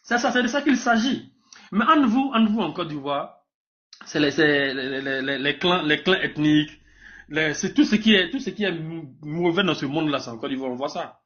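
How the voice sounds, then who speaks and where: A man from Burkina Faso with a Burkinabé accent argues off the cuff in a live political debate, emphatic and repetitive and often stumbling over words. His voice is on the high side, slightly bright, with lively intonation at normal speed, captured in dull lo-fi live stream audio.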